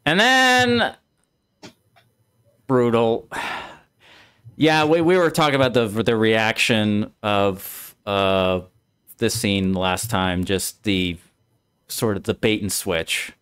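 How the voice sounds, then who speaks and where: A man with a somewhat low voice talks through a video game's story in a relaxed discussion. He reasons aloud, backing up and rephrasing as he works out his ideas. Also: takes it slowly, clean tone. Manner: thoughtful, restarts mid-sentence while reasoning aloud. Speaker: streamer and co-host. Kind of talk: casual game discussion.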